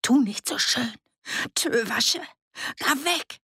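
A woman's voice: sits high, lively intonation, slow, a bit bright, breathy edge, dry recording, clean studio sound, pitched above the performer's own voice, full character voice. A woman reader voicing a desperate, frightened farm woman who speaks in broad rural dialect with a trembling voice. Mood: hostile.

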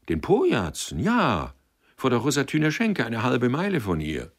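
Deep, gravelly male audiobook narrator. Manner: measured, expressive storytelling.

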